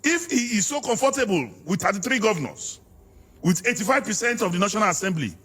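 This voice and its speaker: A man's voice: high-pitched, sing-song, fast, a bit bright, slightly rough. A Nigerian man arguing politics in a heated interview, fiery and preacher-like, hammering his points. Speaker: political guest.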